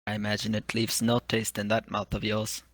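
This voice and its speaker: A haughty adventurer, voiced by a man, with a put-on island accent. The voice is bright and forward, and the delivery is mocking and formal. It is recorded close and dry, as in an online tabletop game. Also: on the low side, completely flat delivery, normal speed, no echo, lightly acted. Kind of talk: in-character tabletop role-play.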